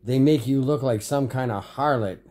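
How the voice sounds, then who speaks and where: A man's voice: mid-range voice, normal speed, mellow, pitched above the performer's own voice, lightly acted. A man reading a story aloud, voicing a stern, scolding elderly grandmother. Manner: scolding, indignant.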